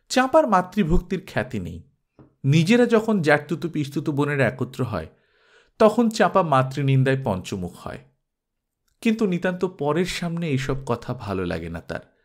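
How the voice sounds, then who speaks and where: A man narrates a novel with a lively, rising-and-falling delivery that keeps the story moving. His voice sits a little higher than most men's, and he tells the scenes with expressive, storybook energy. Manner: animated storytelling, shifting pitch for quoted children. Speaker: audiobook narrator.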